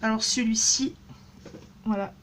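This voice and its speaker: A woman's voice: on the high side, steady tone, measured pace, noisy background. A woman in her thirties chatting casually in a haul vlog, rambling with many fillers and restarts. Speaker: beauty vlogger.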